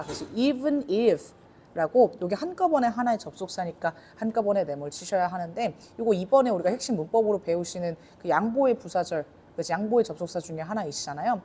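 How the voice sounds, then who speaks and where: A woman's voice: medium pitch, a little mellow, slight background noise. A woman teaching English grammar in a recorded lecture, explaining step by step with rhetorical questions and reading English lines in a Korean accent.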